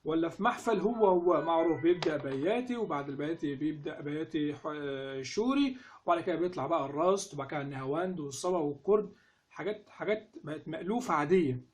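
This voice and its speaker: A man with an Egyptian accent giving a casual spoken lesson on recitation, lively and full of rhetorical questions. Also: a little high, fast talker. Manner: animated, asks rhetorical questions. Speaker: instructor on Quran recitation.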